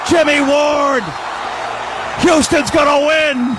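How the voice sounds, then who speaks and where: A man shouting excited live football play-by-play on the radio in clipped phrases. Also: very high-pitched, takes it slowly. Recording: roaring crowd, very noisy stadium broadcast.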